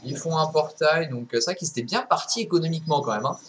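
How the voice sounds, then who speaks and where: A man's voice: a little high, fast talker, fairly bright tone. Young male gamer commentator, loose rambling delivery with fillers, faint hiss behind. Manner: rambling, many fillers and restarts, swears casually. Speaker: gameplay commentator. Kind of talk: casual game commentary.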